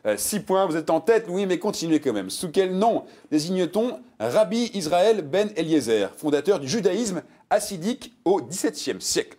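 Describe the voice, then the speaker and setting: A man's voice: high-pitched, moderate pace, hardly any pauses. A man hosting a television quiz show, reading multiple-choice questions and joking with contestants. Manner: playful, jokey, reads multiple-choice answers with lively emphasis.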